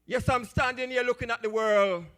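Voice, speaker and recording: A man's voice: extremely high pitch, fairly even intonation, moderate pace, a bit bright, smooth. A man from Jamaica with a Jamaican accent, performing dub poetry live with rhythmic, half-sung, fiery chanting. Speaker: dub poet.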